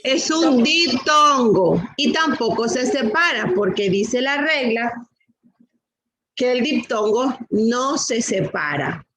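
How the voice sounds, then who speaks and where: A middle-aged woman teaches a class with a high voice. She takes her time, going word by word and asking her students the same question again and again. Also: expressive, a bit bright, poor audio. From Latin America. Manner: slow, patient, repeats rules and questions. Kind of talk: online class lesson.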